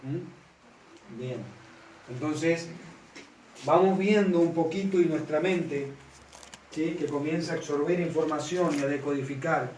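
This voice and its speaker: A man delivers a sermon, checking in with his listeners again and again. His voice sits a little high for a man. He is recorded from some way off in an echoey room. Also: measured pace, pauses often, a little mellow, slight background noise. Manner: asks the congregation for constant confirmation. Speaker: pastor. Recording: echoey room, mic at a distance.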